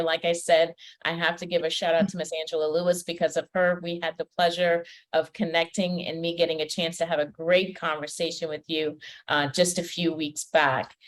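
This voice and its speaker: A woman from Trinidad and Tobago hosting a podcast interview, chatty and welcoming, with frequent fillers. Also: low-pitched. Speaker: podcast host and personal development coach. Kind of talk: conversational interview.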